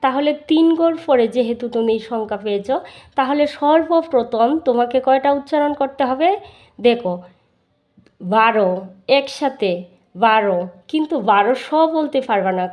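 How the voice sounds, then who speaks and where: A woman's voice: a little high, a little mellow. A woman with a Bangladeshi Bengali accent teaching a primary school math lesson, explaining step by step and answering her own questions.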